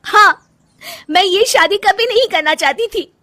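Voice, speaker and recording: A woman's voice: very high voice, unhurried, bright, forceful tone, no echo, studio quality, pitched above the performer's own voice, exaggerated voice. A woman voicing a frustrated, emotional young daughter-in-law in a cartoon moral story. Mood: tearful, anguished. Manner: plaintive, emotional, defensive.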